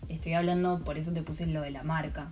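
A woman's voice: low-pitched, fairly even intonation, fairly quick, a little mellow, dull audio. A young woman with an Argentine Spanish accent chatting casually, rambling through stories with lots of fillers. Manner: rambling storyteller with many fillers. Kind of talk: casual chat.

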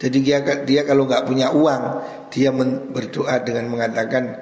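Gravelly male cleric with a Javanese accent, lecturing on a religious text and acting out the quotes, recorded in a reverberant hall. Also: steady tone, moderate pace, a little mellow. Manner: mixes Indonesian, Javanese and Arabic, voices quoted dialogue with raised pitch. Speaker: kiai teaching a classical text. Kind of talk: Islamic text study lecture.

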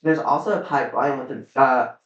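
A man with a mid-range voice co-hosts a podcast, chatting casually and briskly as he gushes, swears freely, and stretches out his words. The sound is roomy, distant, and dull.

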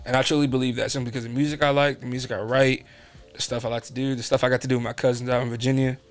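A man's voice: medium pitch, flat delivery, rapid-fire, faint music behind. A young man from New York hosting a podcast, telling stories casually and acting out quotes in a raised voice. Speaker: podcast host. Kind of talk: casual storytelling chat.

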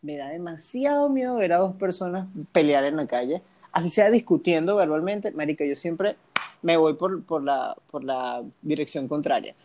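A man's voice: fairly high pitch, expressive, normal speed, a little mellow. A Venezuelan man co-hosting a casual podcast, bantering in a playful, teasing, slangy way. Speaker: podcast co-host. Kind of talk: casual chat.

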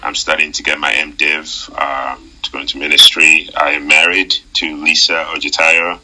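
A man's voice: rumbling low, level tone, moderate pace, background noise. A young man from Nigeria with a slight Nigerian accent, a seminary student speaking thoughtfully as a podcast guest, with hesitant restarts. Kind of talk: casual conversation.

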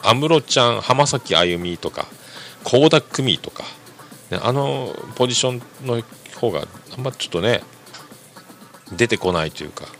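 A man hosting a podcast, rambling casually about music in a chatty, lively way. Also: lowish voice. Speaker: podcast host.

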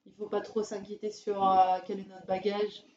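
A woman's voice: mid-range voice, completely flat delivery, moderate pace, a little mellow, recorded from a distance. A young woman speaking informally and bluntly as a student guest in a casual interview. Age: young adult. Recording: dull, echoey room sound.

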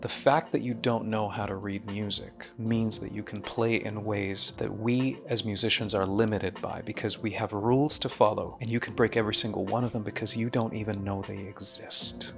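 A man's voice: on the low side, fairly even intonation, normal speed, creaky, few pauses, music in the background. A man, a guest speaking in an earnest, introspective way, with small restarts. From Saudi Arabia. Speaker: guest, mind researcher and coach. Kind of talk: reflective interview talk.

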